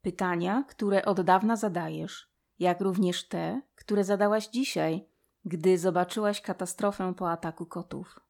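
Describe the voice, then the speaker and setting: Woman doing a calm, kindly mouse deity for a storybook, soft and slightly low. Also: a little slow, vocal fry. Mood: gentle. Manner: soft, patient, mysterious. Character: wise, gentle female mouse god, patient.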